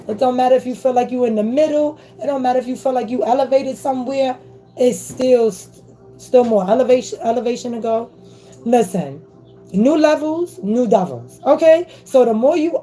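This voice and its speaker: A spiritual reader with a fairly high, dark-toned voice gives a casual motivational spiritual talk into her phone camera. She is emphatic and slangy, constantly checking in with "okay?", and the recording is rough.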